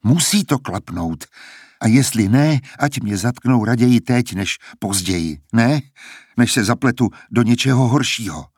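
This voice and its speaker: A man's voice: medium pitch, lively intonation, breathy edge, no echo. A man voicing an earnest, determined young man who talks in an urgent, persuasive way, in a storybook reading. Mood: insistent.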